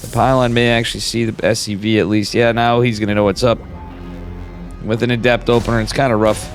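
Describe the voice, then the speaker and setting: A man's voice: mid-range voice, little pitch movement, fairly quick, soft background music. A man with a cold and a whistling nose giving casual, slangy live esports commentary. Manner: informal, slangy, chatty. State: stuffed up with a cold.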